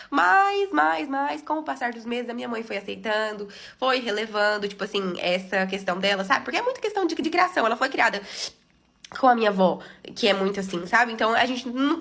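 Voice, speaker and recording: Young brazilian woman rattling off a story super fast, gravelly edge, kinda high voice. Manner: chatty, animated, laughing asides. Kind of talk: casual storytelling to viewers.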